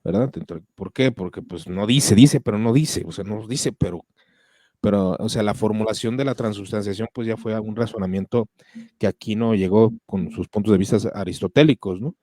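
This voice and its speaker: A man with a low, mellow voice, talking casually and hesitating with fillers and restarts. The sound is dry and close, with no room echo. He comes across as a conversation host. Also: normal speed. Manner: hesitant, many fillers and restarts, laughs while reading comments.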